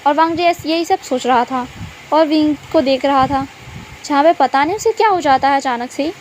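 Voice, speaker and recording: A woman reading a fan-fiction story aloud in a plain, steady telling voice. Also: high voice, normal speed, a little hiss or hum, poor audio. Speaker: story reader.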